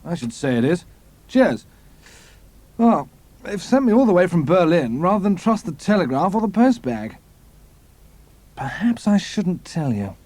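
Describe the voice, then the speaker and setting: An actor playing a boastful, suspicious drunken traitor in an audio drama, with slightly slurred speech. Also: male voice, high-pitched, very animated, measured pace, long pauses, darkish tone, dry recording, exaggerated voice. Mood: confiding, tipsy.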